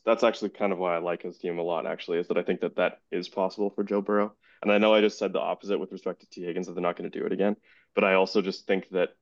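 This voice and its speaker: Gravelly low-voiced man hosting a chat. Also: dry recording. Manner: thinks aloud, hedging. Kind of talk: casual fantasy sports chat. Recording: dull, dry lo-fi sound.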